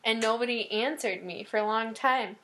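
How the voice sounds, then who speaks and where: A woman's voice: on the high side, normal speed, pushed and bright, slight background noise. A young woman co-hosting a podcast in casual chat, chatty and giggly, sometimes tripping over her words. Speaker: podcast co-host.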